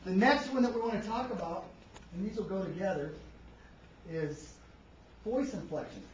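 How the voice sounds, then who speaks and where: In a seminar room, a high-voiced man leads an interactive workshop at a moderate pace, energetically quizzing the audience, adding "right?" to his lines, and varying his loudness for emphasis. The recording is distant, echoey, and dull, with slight background noise.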